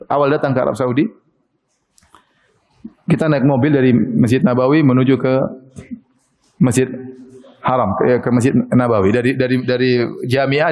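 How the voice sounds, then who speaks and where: A man's voice: medium pitch, darkish tone. A middle-aged Indonesian man giving a sermon as an Islamic preacher, telling stories with frequent "ya" asides and light laughter.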